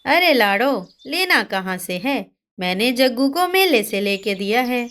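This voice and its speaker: Cartoon mother bird, curt and low, voiced by a woman. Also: big pitch swings, a little slow, fairly bright tone. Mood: dismissive.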